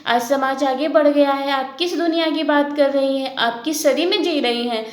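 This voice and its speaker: A woman's voice: sits high, normal speed, lightly acted. Woman reading as a firm village doctor. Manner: reassuring, lecturing. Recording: echoey room.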